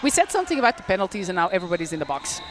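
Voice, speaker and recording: Over music on a low-quality recording, this live roller derby commentary comes rapid-fire in a sing-song, medium-pitched voice. The play-by-play caller is from Belgium, speaks Dutch as a first language, and keeps things chatty, laughing often at his own expense.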